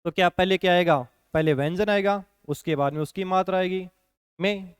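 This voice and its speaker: A man's voice: high-pitched, clean tone, dry recording, studio quality. A man teaching a shorthand lesson, explaining patiently and often checking in with his students. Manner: patient, repeats points with frequent "ठीक है" check-ins.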